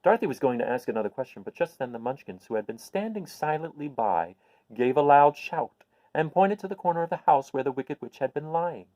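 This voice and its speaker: Guy reading a storybook out loud, super expressive, pitch goes all over, no room sound. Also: brisk, no room sound, rough recording. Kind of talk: expressive read-aloud storybook narration.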